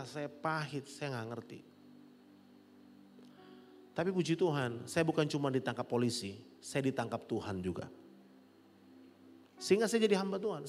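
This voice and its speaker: Middle-aged male pastor, fairly high voice, preaching in a big church hall with long reverb and faint music behind. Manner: animated, rising to loud peaks, laughing with the congregation. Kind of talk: sermon.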